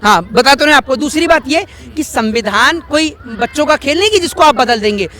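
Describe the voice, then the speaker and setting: A young man with a strikingly high, bright voice argues fiercely in a street interview. He presses rhetorical questions one after another and repeats them to drive the point home. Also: expressive, fairly quick. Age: young adult. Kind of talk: heated political street interview.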